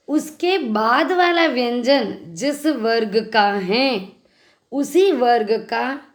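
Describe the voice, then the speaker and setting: A woman teaching grammar in a video lesson, speaking slowly and a touch high. She explains step by step and keeps asking rhetorical questions to make sure her students follow. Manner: patient, checks understanding with rhetorical questions.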